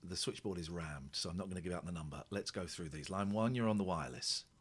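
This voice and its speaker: A man's voice: low-pitched, fast, breathy edge. A middle-aged man hosting a casual late-night phone-in, playful and teasing. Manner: playful, teasing, breaks into laughter. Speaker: radio host. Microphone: studio mic.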